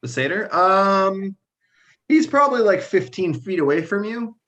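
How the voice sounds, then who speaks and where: Bright-voiced man running a tabletop game. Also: high-pitched, measured pace, a little hiss or hum. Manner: relaxed, casual, loose narration. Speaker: dungeon master.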